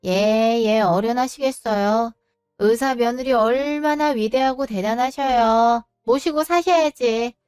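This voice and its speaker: A woman's voice: a little high, takes it slowly, a little mellow, clear, resonant tone, no echo, clean studio sound, soft background music. A woman voicing a petulant, sarcastic young sister-in-law in an audio drama story.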